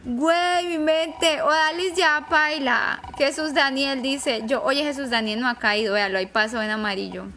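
A woman streaming live to her chat, commentary full of excitable, nervous exclamations. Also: high voice, moderate pace, hardly any pauses, slight background noise.

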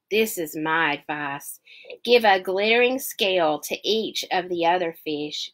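Wise old lady octopus, lower and slow, a woman reading. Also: close to an everyday voice. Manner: calm, solemn.

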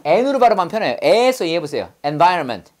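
A woman teaching English vocabulary, her mid-pitched voice rising and falling in lively swings. She drills the class with quick call-and-repeat prompts. She explains each word through playful memory tricks.

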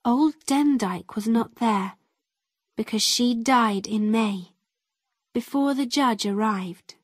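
A woman narrating an easy-level story in the first person, reading slowly and carefully. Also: a little high, dry recording, studio quality. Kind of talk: slow graded-reader story narration.

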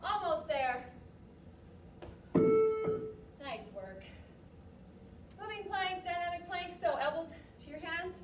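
A young woman working as an aerobics instructor, calling out cues and encouragement in short, energetic, motivating bursts. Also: very high-pitched, slow, long pauses, over music. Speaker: aerobics and fitness class instructor. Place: large gym studio, indoors. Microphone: distant camera microphone. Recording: echoey gym, distant mic, noisy.

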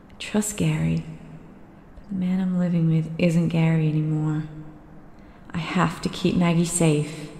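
A woman voicing a worried young mother who reads her diary entries aloud in a quiet, weary, troubled way. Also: sits low, little pitch movement, takes it slowly, gravelly, pauses often, full character voice. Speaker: game narrator. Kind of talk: scripted diary narration. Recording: reverberant game audio with long echo.

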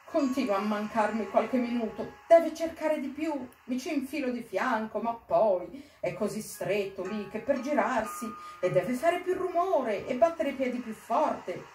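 A woman voicing a pale, frightened father in hiding in a read-aloud story, speaking flatly and mechanically. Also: on the high side, measured pace, hardly any pauses, roomy sound, recorded from a distance, soft background music, voice pushed up, low-quality recording. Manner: flat and mechanical.

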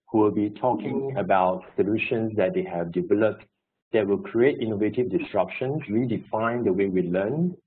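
A man's voice: on the low side, slightly rough. A man moderating an online event, formally reading out a speaker introduction. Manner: reads from a script, formal. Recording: tinny call audio.

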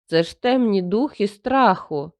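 A woman voicing a small, jittery male cat familiar who mutters and squeaks in an audiobook. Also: lively intonation, measured pace, no echo, clean studio sound, natural voice. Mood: panicked. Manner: purring mutter, squeaky when scared.

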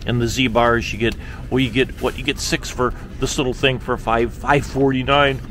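A middle-aged man vlogs in a large indoor supermarket, holding the camera at arm's length and reacting to grocery prices with casual, exclamatory disbelief, often repeating himself. His mid-range voice is level, moderately paced, and a bit bright, with noisy store sounds all around.

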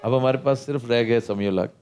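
A middle-aged man hosting a TV quiz, firing off questions in quick, animated banter in a studio. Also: mid-range voice, over loud music. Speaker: quiz host. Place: TV studio set, indoors.

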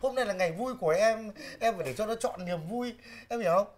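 A man's voice: high voice, fast talker, roomy sound, a little hiss or hum, lightly acted. A man playing a playful, doting husband and father who keeps chuckling. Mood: coaxing. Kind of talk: comedy film dialogue.

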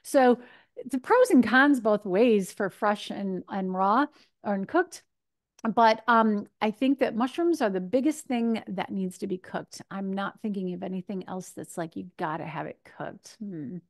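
A woman's voice: medium pitch, a little slow. Chatty woman nutrition speaker on video call. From Michigan. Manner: chatty and animated, gesturing, acts out her own thoughts. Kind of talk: casual Q&A over video call. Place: home kitchen. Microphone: video call webcam.

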